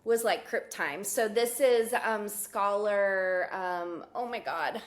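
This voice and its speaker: A woman's voice: medium pitch, slow. Chatty, rambling woman podcast guest. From California. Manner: chatty and digressive, full of "like" and "you know, right?". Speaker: guest, professor. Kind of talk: casual podcast conversation.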